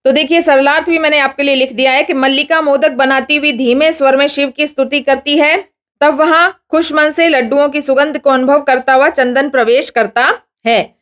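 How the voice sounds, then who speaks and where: Female teacher, high voice, slow careful reading, then explaining with questions to the class. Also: steady tone, fairly bright tone. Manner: reads each Sanskrit phrase slowly, then explains it with questions to students. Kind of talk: Sanskrit lesson explained in Hindi.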